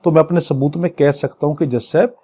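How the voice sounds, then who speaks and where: A man with a Pakistani accent gives an exam lecture on law, working through the legal text phrase by phrase in a didactic way. He repeats and paraphrases himself and shifts into slow readings in English. His voice is fairly high with fairly even intonation, dark in tone and edged with breath, and the recording is muffled.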